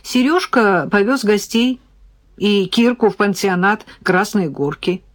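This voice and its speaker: A woman's voice: medium pitch, measured pace, natural voice. A woman reading an audiobook, voicing a cheerful, chatty young woman who teases her friend. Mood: explaining. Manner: lively, chatty, playfully bossy. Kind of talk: audiobook character voice.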